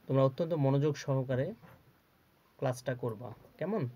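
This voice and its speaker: A man's voice: medium pitch, normal speed, dark tone, slight background noise. A man teaching a spelling lesson to children, spelling each word out syllable by syllable and answering his own questions. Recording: dull lo-fi recording.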